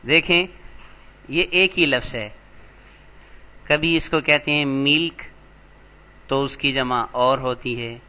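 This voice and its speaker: A man teaching an Arabic grammar lesson, patient and slow, repeating each word for emphasis. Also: medium pitch, smooth, muffled recording. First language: Urdu. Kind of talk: lecture explaining vocabulary.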